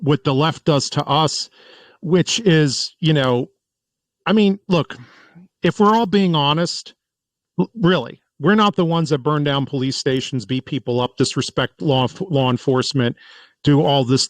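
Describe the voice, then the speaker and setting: A man hosting a political podcast in casual commentary, talking in an animated way and often restarting and repeating words. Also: on the high side, a little slow, no room sound, low-quality recording. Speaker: podcast host.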